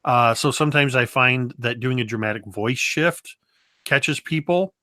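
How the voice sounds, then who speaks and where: Man, game master guest, storyteller, mid-pitched, dry close sound. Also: unhurried, no echo. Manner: lively storyteller, does voices and moves around. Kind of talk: casual interview talk.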